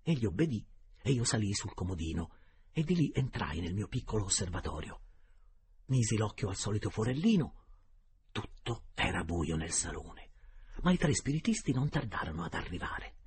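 A man narrating a story aloud with dramatic, animated delivery that slips into whispers. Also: fairly low pitch, moderate pace, a little hiss or hum. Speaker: audiobook narrator. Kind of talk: storybook reading with voices.

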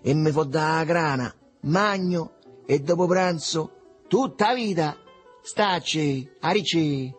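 A man's voice: on the high side, sing-song, unhurried, breathy edge, faint music behind, pitched above the performer's own voice, full character voice. A man voicing a brash, teasing teenage boy with a Roman accent. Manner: mocking, boisterous.

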